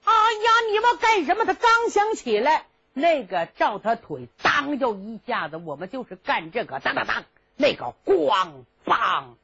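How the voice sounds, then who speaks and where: Woman storyteller, high animated voice, muffled lo-fi. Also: unhurried, creaky, breathy edge. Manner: lively, dramatic narration. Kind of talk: traditional storytelling. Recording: dull lo-fi recording.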